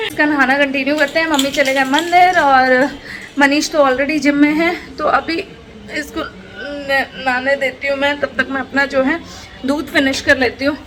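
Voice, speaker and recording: A woman's voice: high voice, fairly even intonation, normal speed, a bit bright, soft background music. A young woman chatting casually in a home vlog, talking to her viewers about her day. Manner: chatty, switching to sing-song baby talk with her toddler. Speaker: vlogger. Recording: noisy home recording.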